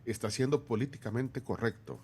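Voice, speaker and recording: A man's voice: mid-range voice, brisk, darkish tone, slight background noise. A man hosting a radio studio interview, casual in tone, reading listener comments aloud. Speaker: radio host.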